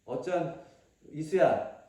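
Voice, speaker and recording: A male pastor giving a family sermon, coaxing children with questions and sometimes acting out a shouting father. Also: fairly high pitch, animated, slow. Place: church hall. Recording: very echoey hall from far off.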